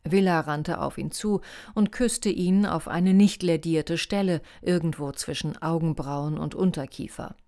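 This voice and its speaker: Audiobook narrator, low female voice, steady delivery. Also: a little slow.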